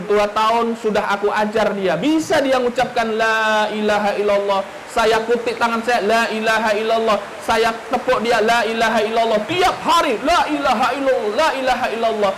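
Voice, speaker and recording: A man voicing a gentle, solemn male religious teacher who speaks slowly and repeats himself as he confides. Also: very high-pitched, fairly even intonation, slight background noise, poor audio. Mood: sorrowful. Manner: slow, confiding, repeats his words.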